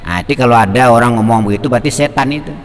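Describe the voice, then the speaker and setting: A male Islamic preacher, teaching and telling a story in a lively, colloquial manner, quoting Arabic. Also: mid-range voice, rapid-fire, big-room sound. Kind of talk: sermon on a classical text.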